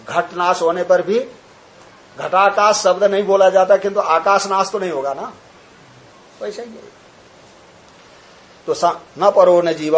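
An older man, a swami, giving a spiritual discourse on scripture, chanting verses slowly, then explaining them with rhetorical questions and examples. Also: fairly high pitch, rough recording.

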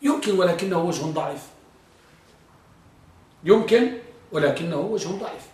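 A man leads a grammar lesson in a classroom. He asks his students questions and repeats each example slowly with stress. His voice sits high, and it is picked up from across an echoey room. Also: animated, a little mellow, distant mic. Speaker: grammar teacher.

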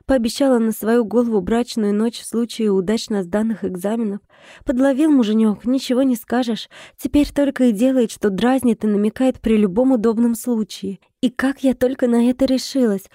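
A woman reads a romance audiobook in the first person, steady and measured. Her voice is mellow and warm. The recording is dry and close. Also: fairly high pitch, no echo. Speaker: audiobook narrator.

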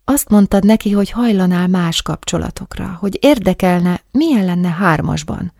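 A woman's voice: on the low side, lively intonation, creaky, mellow, no echo, studio quality. A woman reading an audiobook, voicing a smug naked young woman who hisses and whispers her words through her teeth. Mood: scheming.

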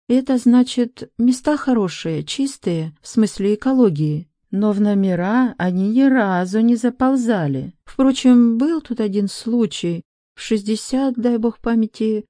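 A flustered young hotel clerk, played by a woman reading aloud, answers in a higher, uncertain voice, trying to placate. The voice is dark-toned and recorded dry. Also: a little slow, dry recording, close to an everyday voice. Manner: hesitant, helpless, placating.

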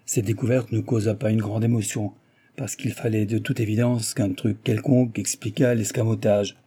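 Husky, dark-voiced male narrator. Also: fairly low pitch, moderate pace. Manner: steady, even storytelling. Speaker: audiobook narrator. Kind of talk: scripted narration of a novel.

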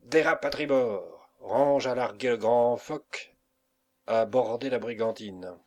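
A man's voice: medium pitch, takes it slowly, a little mellow, lightly acted. A man reading the part of a fiery pirate captain who rouses his crew and barks orders. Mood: barking orders. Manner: rousing, barking orders.

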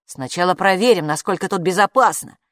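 A woman's voice: fairly low pitch, brisk, a bit bright, dry recording, clean studio sound, natural voice. A woman voicing a cautious, protective boy who speaks carefully and seriously.

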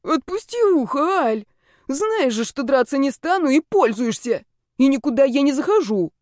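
A whiny, sweet-talking young male snake shapeshifter, as a woman reader puts him on. He plays the innocent in a higher, thinner voice. The storybook read is dry and close, with no room sound. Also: big pitch swings, normal speed, darkish tone, no room sound. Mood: whining. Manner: whining, wheedling, innocent-acting.

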